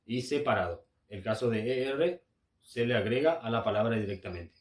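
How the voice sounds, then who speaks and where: A man's voice: medium pitch, normal speed. A man from Argentina teaching an English grammar lesson, hesitant and repeating himself often, with frequent filler sounds. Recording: echoey room.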